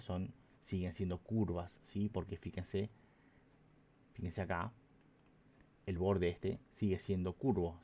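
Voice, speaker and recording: A man's voice: deep voice, dark tone. A man teaching an online math lesson, patient and explanatory, often checking in with his students.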